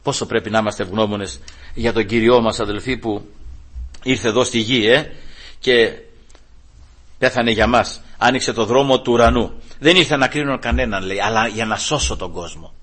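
A man preaching a sermon to his congregation, often calling them brothers, with emphasis that swings between loud, high passages and quiet, low asides. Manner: addresses listeners as brothers, rising and falling emphasis.

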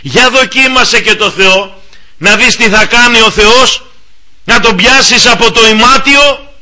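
High, piercing male preacher exhorting. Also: bright, forceful tone. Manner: earnest, exhorting, addressing the listener directly. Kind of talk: sermon.

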